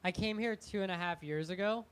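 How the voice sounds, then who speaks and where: A young man, a comedian and guest, speaking in a halting, rambling, self-deprecating way on a live talk show. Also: high-pitched, clear, resonant tone. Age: young adult.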